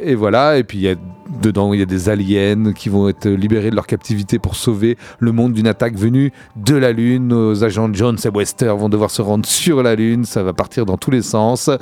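A man's voice: mid-range voice, warm tone. A man hosting a casual radio show about comics, often stumbling and searching for words. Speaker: radio host reviewing comics.

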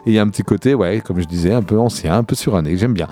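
A man's voice: lowish voice, rapid-fire, mellow. A man hosting a casual radio show about comics, often stumbling and searching for words. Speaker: radio host reviewing comics.

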